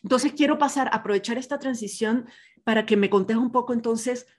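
A woman hosting an interview podcast, explaining ideas calmly and asking questions. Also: fairly high pitch, a little fast. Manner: calm, explanatory, uses voseo. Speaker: podcast host.

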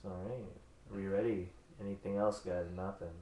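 A man's voice: fairly low pitch, steady tone, moderate pace, dark tone, reverberant. A man hosting a podcast, easygoing as he steers the conversation. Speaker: podcast host. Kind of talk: casual podcast banter.

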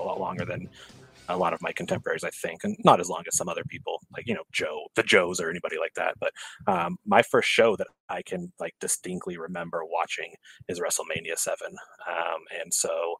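Male guest, 30s, casual rambler full of "um"s, deep voice. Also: a little fast, gravelly, fairly bright tone, husky, no echo, soft background music, poor audio. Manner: rambling, many fillers and restarts. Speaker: podcast guest. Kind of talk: casual chat.

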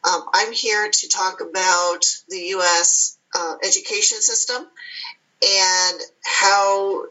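Bright-voiced woman in casual chat. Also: mid-range voice, fairly even intonation, slow pace. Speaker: podcast host and guest. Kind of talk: casual round-table chat. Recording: dull lo-fi sound.

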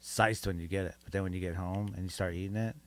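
A man with a fairly low voice chats casually. He teases his friend in a relaxed way and often answers with short replies. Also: quick pace. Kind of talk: casual chat.

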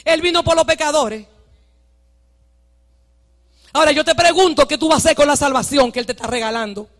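A woman's voice: high voice, a little fast. Fervent woman pastor preaching in a hall. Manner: fervent, often shouting, urging the congregation. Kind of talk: sermon. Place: church hall. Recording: long hall reverb.

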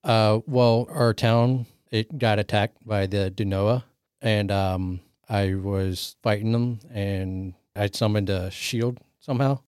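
A man's voice: fairly low pitch, fairly even intonation, takes it slowly, darkish tone, clear, resonant tone, no room sound, clean studio sound. A man playing a shy stammering farm boy. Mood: nervous. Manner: hesitant, stammering. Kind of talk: improvised tabletop roleplay.

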